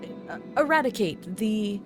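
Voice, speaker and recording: A woman's voice: mid-range voice, expressive, moderate pace, natural voice. A woman voicing an eager, musing tinkerer who asks formal, clipped questions in a tabletop game. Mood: insistent questioning. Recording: loud background music.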